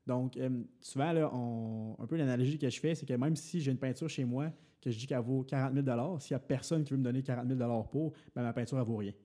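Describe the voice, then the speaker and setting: Mellow Quebec French man explaining. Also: mid-range voice, fast talker, few pauses. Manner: explains at length with many fillers and restarts. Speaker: podcast co-host. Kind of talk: casual finance podcast talk.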